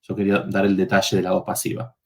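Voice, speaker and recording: A man's voice: low-pitched, completely flat delivery, quick pace. A man teaching a university Latin workshop, explaining verb forms step by step and checking in with the students.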